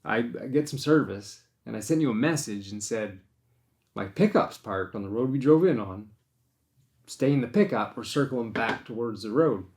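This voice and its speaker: In a casual storytelling chat, a Maine podcast host recounts a deer hunt, meandering, restarting, and acting out his inner thoughts. He has a mid-range, slightly mellow voice with lively intonation and normal speed.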